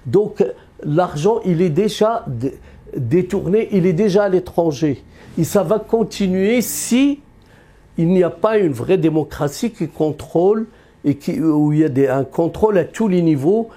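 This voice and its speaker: He is an economist of Berber background who grew up in Algeria, answering interview questions unscripted in an earnest, faltering way with many fillers and restarts. The pitch sits high, intonation is lively, and the tone is warm.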